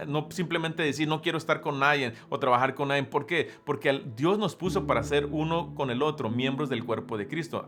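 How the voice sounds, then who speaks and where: A man preaching a sermon as pastor, earnest, rising on questions and sinking low and soft on key phrases, reading scripture between points.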